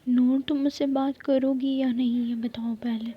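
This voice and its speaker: A proud, hot-tempered college girl, as a woman whispers her lines in whispered role-play. The breathy whisper sits a little high and flat. The recording is dull and lo-fi. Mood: hurt. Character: young college woman in love, proud and quick to anger.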